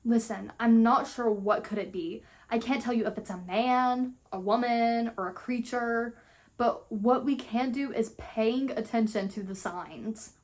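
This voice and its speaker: A worried mother who keeps her voice calm and reassuring, a fairly high voice in an even tone, as a woman reads her lines aloud. She talks steadily to keep her daughter from panicking. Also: unhurried, close to an everyday voice.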